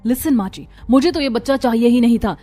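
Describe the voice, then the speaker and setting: एक महिला के अभिनय में ऊँचे सुर वाली, अकड़ भरी कार्टून बहू, जो दूसरों की सलाह झिड़क देती है। पीछे धीमा संगीत सुनाई देता है।. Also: female voice, fairly high pitch, fairly quick, natural voice. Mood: haughty. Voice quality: sharp, dismissive. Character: arrogant young modern wife, careless mother. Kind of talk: Hindi cartoon voice acting. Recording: light music behind voice.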